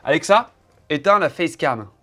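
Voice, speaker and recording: A man with a voice pitched a touch high talks to camera in loose, joking chat. He shows off his new setup from his home office indoors. He keeps up a playful, teasing back-and-forth with his cameraman. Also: expressive, moderate pace, sharp tone, soft background music. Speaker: YouTuber showing his desk setup.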